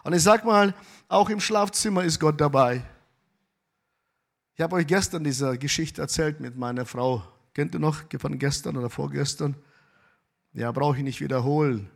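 A pastor preaching a sermon, moving between loud, emphatic exclamations and quiet asides. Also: male voice, on the high side, normal speed, vocal fry.

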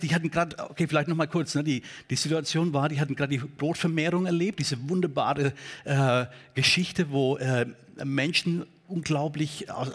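A man preaching a sermon in a church, talking in a conversational, halting way with many fillers. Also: on the high side, breathy edge. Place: church hall.

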